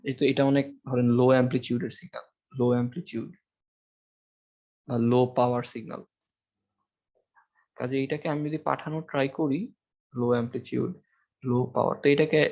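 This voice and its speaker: Through a muffled recording comes a university lecturer's fast, gravelly, darkish mid-range voice with a steady tone. Using an amplified classroom mic, he takes students through the material step by step, poses questions to them, and relies heavily on fillers.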